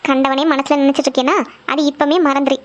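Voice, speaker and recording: A woman's voice: sits high, flat delivery, fast, dull audio, close to an everyday voice. A woman voicing a strict middle-aged mother, scolding and lecturing her daughter.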